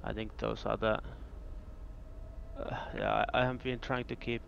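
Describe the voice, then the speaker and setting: A male student with a Finnish accent, native in Finnish, talks casually and repeats words as he goes. His voice has a lot of fry and comes over a slightly muffled voice call with some background noise. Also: on the low side, flat delivery, measured pace. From Finland. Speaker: student in a coaching session. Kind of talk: casual chat. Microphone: remote voice call.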